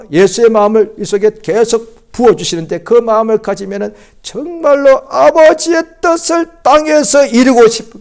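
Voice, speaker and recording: At a Friday prayer meeting, a male pastor with a high-pitched voice preaches in waves, loud one moment and hushed the next, repeating phrases for emphasis.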